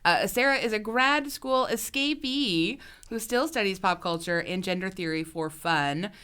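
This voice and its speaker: Crisp, bright woman podcast host. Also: mid-range voice, unhurried. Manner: enthusiastic, frequent fillers. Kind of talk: casual chat.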